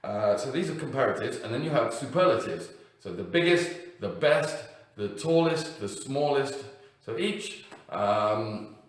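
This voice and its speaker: A man's voice: mid-range voice, lively intonation, measured pace. Echoey man teaching grammar. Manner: unscripted, with fillers and self-corrections, emphatic on example words. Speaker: English teacher. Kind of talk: explaining grammar to learners. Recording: echoey room, mic at a distance.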